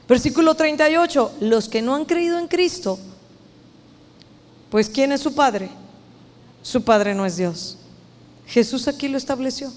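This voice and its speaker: A woman's voice: on the high side, darkish tone. A woman preaching a sermon to a women's meeting, earnest and emphatic, speaking directly to her listeners. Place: church meeting hall. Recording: long hall reverb.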